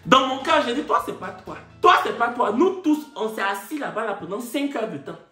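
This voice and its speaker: Animated storyteller, man. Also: very high-pitched, brisk. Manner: animated, repetitive, indignant asides. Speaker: comedian storyteller. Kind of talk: comic storytelling. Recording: echoey room, faint music.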